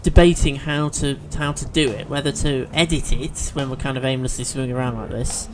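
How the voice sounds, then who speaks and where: A man's voice: medium pitch, fairly even intonation, a little fast, a little hiss or hum. A man chatting through a video game as he plays, thinking aloud with fillers and restarts. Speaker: let's play host. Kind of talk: gameplay commentary.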